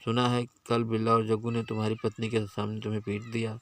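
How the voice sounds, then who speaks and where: A man's voice: on the low side, completely flat delivery, quick pace, fairly bright tone, natural voice. A man voicing a village tea seller who mocks, then placates. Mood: placating. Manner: placating, mocking.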